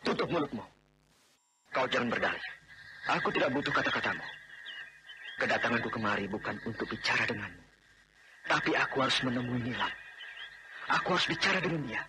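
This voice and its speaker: Radio-play heavy: a man as a pushy, overbearing would-be husband, voice swinging wide in pitch. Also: lively intonation, brisk, long pauses, very noisy, close to an everyday voice. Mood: angry. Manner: insistent, overbearing, then remorseful. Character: domineering man forcing marriage on wronged woman. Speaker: radio drama actor. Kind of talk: 1980s radio drama acting.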